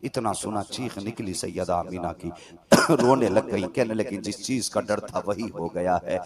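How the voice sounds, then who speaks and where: A man's voice: fairly low pitch, measured pace. A man preaching a sermon, telling a story to a live gathering and rising into dramatic outbursts. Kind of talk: Urdu-Hindi religious sermon. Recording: crowd noise at a live gathering. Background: crowd of listeners.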